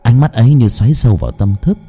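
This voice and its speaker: Dark husky storyteller. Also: male voice, mid-range voice, animated, fast talker, soft background music. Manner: dramatic, suspenseful, wide-ranging delivery. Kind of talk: ghost story narration.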